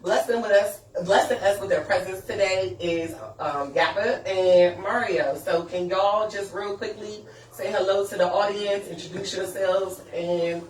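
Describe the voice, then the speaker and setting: A woman's voice: mid-range voice, steady tone, measured pace, few pauses. Chatty woman podcast host in an echoey room. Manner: laughing, loose, chatty with fillers. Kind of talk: casual chat. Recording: echoey room, distant mic, background noise.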